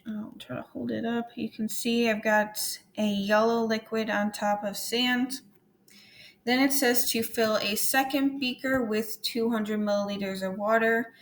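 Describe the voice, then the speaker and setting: A woman teacher records a classroom lesson from home, walking through a hands-on activity with step-by-step instructions as she demonstrates. Her voice is on the high side, with a steady tone and measured pace.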